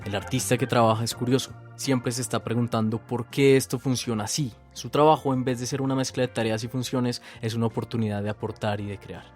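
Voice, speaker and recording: A male host reading scripted narration in a measured, reflective way. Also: mid-range voice, steady tone, darkish tone, faint music behind.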